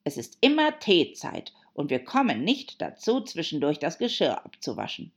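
A woman voicing a gloomy, quarrelsome grown man, a hatter, who speaks slowly and emphatically with sighs. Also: low voice, wildly swooping pitch, muffled recording, exaggerated voice. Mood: mournful. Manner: slow, emphatic, sighing. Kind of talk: audiobook character voice.

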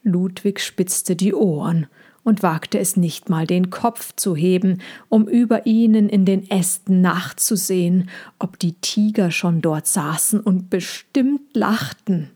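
Woman narrator, storybook reading, slow and hushed, mellow tone. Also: on the low side, husky.

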